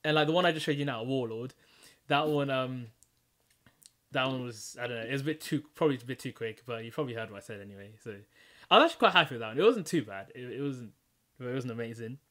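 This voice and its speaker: A man hosting a casual podcast chat, calmly talking through his own rap songs and what he learned, often restarting his sentences. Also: fast. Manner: low-key, reflective explaining with frequent restarts.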